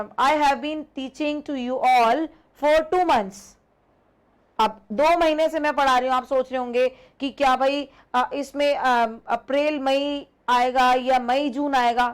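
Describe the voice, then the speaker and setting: Woman, english teacher, high voice, slow patient explaining, online grammar class. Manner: explains slowly, repeats points, calls students "beta".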